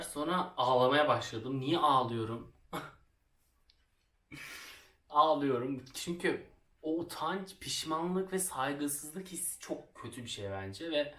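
A man's voice: medium pitch, fairly bright tone. A young man vlogging while he makes a craft project, telling a school story in a chatty, self-mocking way and laughing often. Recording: roomy, somewhat distant from the mic.

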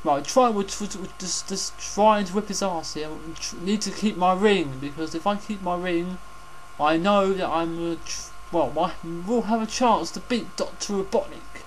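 A man's voice: high voice, normal speed, slight background noise, low-quality recording. A man hosting casual game commentary, rambling and repeating his phrases, with some swearing. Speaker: gaming host.

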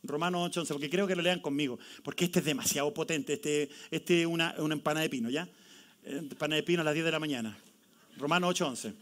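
A man preaching a lively sermon as pastor, leading the congregation to read scripture aloud with him. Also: fairly high pitch, quick pace. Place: church.

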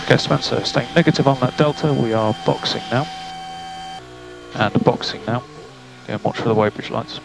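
A male race engineer giving calm, terse team radio calls of gaps and instructions to his driver. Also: mid-range voice, normal speed, creaky, music in the background, poor audio. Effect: team radio to the driver's car.

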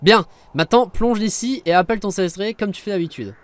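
A man reading aloud the lines of a caring, earnest young woman from a video game in a plain, even voice. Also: high-pitched, fairly quick, dry recording, pitched above the performer's own voice, lightly acted. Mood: urging.

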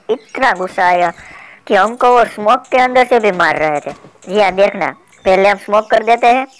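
A man hosts a comedic mobile gameplay commentary, teasing and playful as he fakes politeness toward the opponents he trolls. His voice is smooth and clean. He keeps a light, mischievous running patter throughout. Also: high voice, poor audio. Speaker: gaming channel host.

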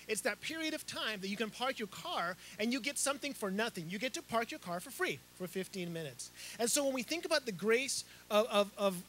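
A middle-aged pastor who grew up in Chile preaches outdoors under a tent, holding a handheld mic. His voice sits very high for a man and rings bright and forward. He gestures as he talks, doubling back on words and restarting phrases, with a faint hiss behind him. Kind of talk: sermon. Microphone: handheld microphone.

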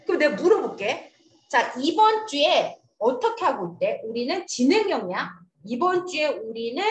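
Woman teacher, high voice, lively up-and-down delivery, quizzing students, echoey classroom. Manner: lively, coaxing, drills students with questions. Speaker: English teacher. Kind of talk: classroom lesson.

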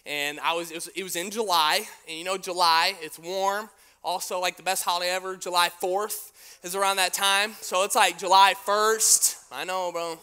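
Young man, youth pastor, high voice, bright tone, slangy animated storytelling. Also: moderate pace, smooth. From United States. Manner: animated storyteller, slangy, swings from hushed to shouting.

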